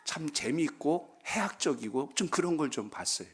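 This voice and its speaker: Husky-voiced man preaching a sermon. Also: fairly high pitch, animated, moderate pace. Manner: preaching warmly, calling for amens, telling folksy jokes. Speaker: pastor. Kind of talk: sermon at a Friday prayer meeting. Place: church sanctuary.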